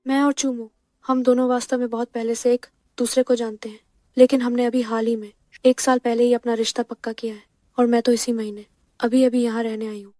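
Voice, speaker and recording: A woman's voice: fairly high pitch, level tone, brisk, no room sound, studio quality, natural voice. A woman dubbing a cheerful, talkative young woman who poses as a girlfriend. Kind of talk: dubbed drama acting. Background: soft background music.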